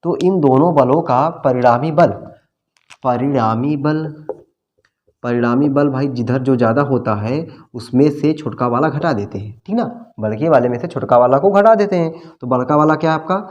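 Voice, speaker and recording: A man teaching a physics class in a friendly, colloquial way, asking questions and answering them himself while he writes. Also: a little high. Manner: asks questions and answers them himself, repeating key terms; friendly and colloquial, calls students "bhai" and "babu". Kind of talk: classroom-style lecture at a board.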